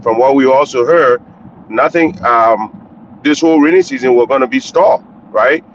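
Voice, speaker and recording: This caller from Liberia has a mid-range voice and a moderate pace, phoning in on his car speakerphone while he drives. His news commentary is blunt, candid, and casual, call-in style. The line is muffled and lo-fi, with faint road noise.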